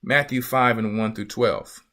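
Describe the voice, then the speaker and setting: This is sermon-style Bible teaching from a church elder whose voice is lowish and sharp, a little slow. Emphatic and repetitive, he keeps turning to his listeners with "you see" to ask whether they grasp his point.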